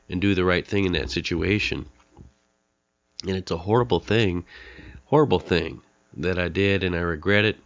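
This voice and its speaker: In a low, somewhat bright voice congested by a cold, a middle-aged podcast host introduces his guest alone at the mic. He's sincere and frank, dropping filler words into his pauses, on a lo-fi track with no echo.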